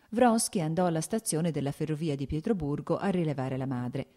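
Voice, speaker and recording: A woman narrating a novel as an audiobook in a measured, even way. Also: low voice.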